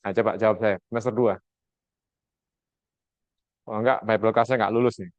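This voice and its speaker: A man's voice: fairly low pitch, fairly even intonation, fairly quick, dry recording. A man teaching a Bible class over a video call, with an Indonesian accent, quizzing his students and acting out the quotes he tells. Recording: dull lo-fi video call audio.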